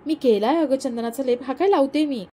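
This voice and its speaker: A woman voicing a soft-spoken, dutiful young daughter-in-law who reassures others meekly, in a mellow, fairly high voice. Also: brisk, a little hiss or hum, lightly acted. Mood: gentle. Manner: meek, reassuring.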